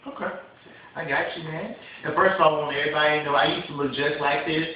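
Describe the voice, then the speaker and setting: A man's voice: on the high side, fairly even intonation, fast. A young man in his twenties interviewing a guest in a playful, joking way. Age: 20s. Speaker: interviewer, reporter. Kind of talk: casual interview. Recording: distant, roomy, dull sound.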